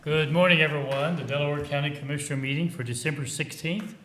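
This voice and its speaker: Brisk man chairing a meeting, echoey room. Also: on the high side, fairly even intonation, fairly bright tone, slight background noise. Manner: brisk, businesslike. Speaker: board president chairing a meeting. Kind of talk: formal meeting procedure.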